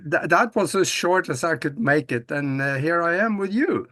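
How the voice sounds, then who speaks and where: An older man from Norway, talking in a folksy, cheerful way as an interview guest. His voice sits a little high for a man. The sound is close and dry, with no room around it. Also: animated, normal speed, bright, forceful tone, dry recording. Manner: folksy and upbeat, restarts with many "uh"s. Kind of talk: casual interview.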